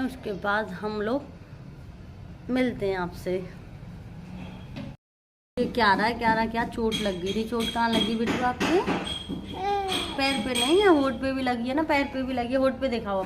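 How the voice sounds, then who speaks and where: A woman with a fairly high voice narrates her day in a casual family vlog, talking straight to her viewers. She films on a handheld phone around her home, with faint household noise behind her. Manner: chatty, talks straight to viewers. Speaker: vlogger mother. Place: at home, later on the rooftop. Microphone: handheld phone camera.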